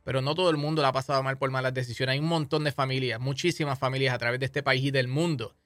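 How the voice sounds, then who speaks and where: A man's voice: mid-range voice, steady tone, quick pace, a bit bright, dry recording, clean studio sound, soft background music. A man with a Puerto Rican accent hosting a podcast, delivering an impassioned, scolding political monologue. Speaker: podcast host.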